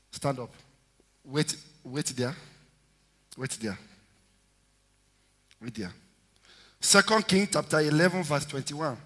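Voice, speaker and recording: A man in his fifties, a senior pastor preaching a sermon with shouted call-and-response to his congregation. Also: on the high side. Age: 50s. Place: church hall. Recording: echoey church hall reverb.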